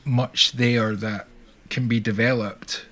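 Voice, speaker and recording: A man's voice: mid-range voice, fairly even intonation, slow pace, fairly bright tone. A man hosting a music stream, chatting casually and rambling a little with restarts. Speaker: stream host. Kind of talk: casual chat.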